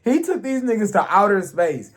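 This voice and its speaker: Man, casual show recap, swears constantly, animated slangy delivery, somewhat high voice. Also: moderate pace. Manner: profane, slangy, animated storytelling.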